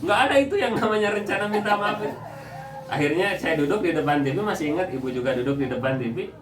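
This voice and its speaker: A young Islamic preacher speaking Indonesian with a Sundanese accent gives a family-life talk to a congregation, animated and full of funny personal stories. His voice is fairly high and fast, recorded in an echoey hall from a distant mic with background noise.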